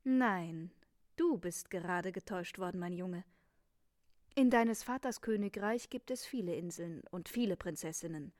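A woman's voice: fairly low pitch, unhurried, darkish tone, dry recording, clean studio sound, natural voice. A woman voicing a composed, smiling magician in a tailcoat in a storybook tale, speaking matter-of-factly.

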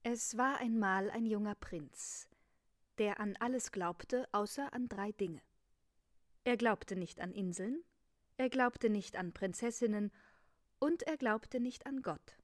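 A woman giving a measured, scripted narration that explains a topic and tells a fairy tale. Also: mid-range voice, no room sound, clean studio sound.

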